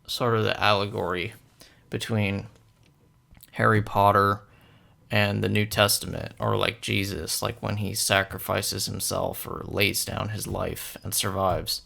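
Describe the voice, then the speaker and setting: A man's voice: on the low side, little pitch movement, unhurried, gravelly, pushed and bright. A young man talking casually through a film analysis, rambling with many fillers and hesitations. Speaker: film commentator.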